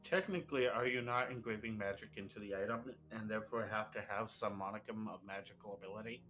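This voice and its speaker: A man's voice: fairly low pitch, fairly even intonation, fast talker, a bit bright. Joking man at a game table. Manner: joking, teasing. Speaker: player. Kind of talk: casual tabletop chat. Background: faint music.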